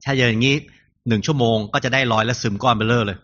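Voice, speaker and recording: A man's voice: mid-range voice, steady tone, fast talker, a bit bright. A man teaching meditation, giving short corrective instructions to a student. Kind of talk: guiding meditation practice. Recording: dull lo-fi recording.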